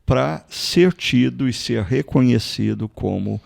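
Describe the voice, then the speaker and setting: A man's voice: medium pitch, takes it slowly, vocal fry, darkish tone. A man from Brazil, a pastor on a church talk show, chatting in a thoughtful way with small restarts. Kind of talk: casual chat.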